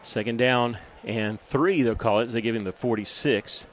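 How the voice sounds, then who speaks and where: A man's voice: medium pitch, normal speed, a little hiss or hum. Breathless man calling football play-by-play. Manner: excitable, rising to loud calls on big plays. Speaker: play-by-play announcer.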